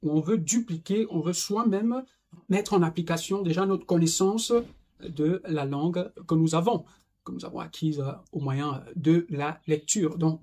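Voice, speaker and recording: Husky high-voiced man teaching. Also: darkish tone. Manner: explanatory, frequent "n'est-ce pas" and "hein"; mixes English terms into French. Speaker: English teacher. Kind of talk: video lesson explanation.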